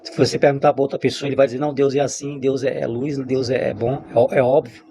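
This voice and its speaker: A man's voice: medium pitch, little pitch movement, fast talker, noisy background. A man giving an unscripted spiritual teaching, talking in an emphatic, repetitive way with frequent restarts. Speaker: religious teacher. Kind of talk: spontaneous spiritual teaching monologue.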